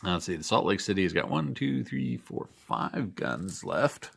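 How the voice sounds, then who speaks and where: Middle-aged Denver-raised hobby host, low gravelly voice, yawning and rambling through a board game turn. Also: male voice, normal speed. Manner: relaxed, rambling, yawning, thinks aloud. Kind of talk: casual wargame playthrough.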